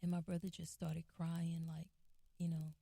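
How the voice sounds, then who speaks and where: A woman's voice: on the low side, completely flat delivery, a little slow, creaky, dark tone, slightly rough, no echo. A woman telling a family story in a casual, rambling way, with restarts and quoted voices. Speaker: guest recounting a family memory.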